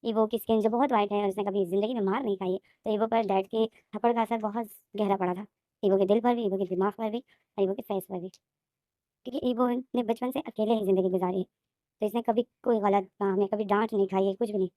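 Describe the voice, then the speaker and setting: Brisk woman narrating a story recap. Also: mid-range voice, steady tone, warm tone, dry recording, clean studio sound. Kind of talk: fan fiction recap narration.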